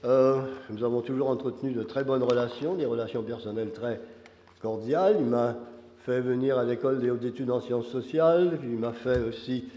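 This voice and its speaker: An older man with a Quebec French accent gives an academic lecture, his voice hoarse and nasal from a cold, halting as he searches for phrasing. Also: medium pitch, mellow. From Quebec, Canada. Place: large reverberant lecture hall. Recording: muffled, very reverberant lecture hall.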